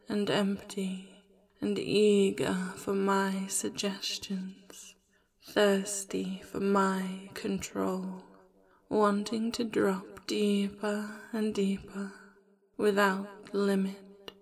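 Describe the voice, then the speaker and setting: Slow whispering woman, flat and gravelly. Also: medium pitch. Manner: slow, soft, hypnotic whisper; commanding, possessive. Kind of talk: whispered hypnosis roleplay.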